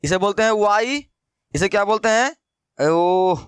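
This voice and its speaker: High-voiced, chatty male maths teacher. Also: expressive, unhurried, clear, resonant tone, no room sound, clean studio sound. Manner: chatty, repeats questions to students, calls them brother. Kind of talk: casual Hindi maths lesson.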